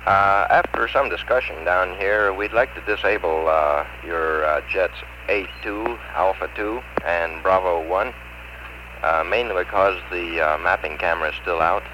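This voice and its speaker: Man, deep voice, astronaut radio from mission control, measured procedural delivery, hesitant phrasing, noisy archival transmission. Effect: space-mission radio transmission. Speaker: mission control spacecraft communicator.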